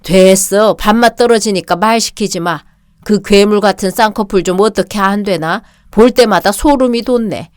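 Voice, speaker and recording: A domineering older father-in-law who barks insults and orders at his family, voiced by a woman narrator. The delivery is close and dry, at a middling pitch, in the plain manner of a radio drama reading. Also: moderate pace, a little mellow, smooth, dry recording, close to an everyday voice. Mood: contemptuous.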